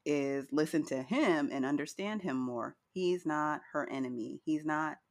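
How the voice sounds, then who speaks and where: A woman's voice: sits low, measured pace. A woman co-hosting a podcast, recapping a reality show in a chatty, laughing way with playful asides. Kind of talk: casual chat.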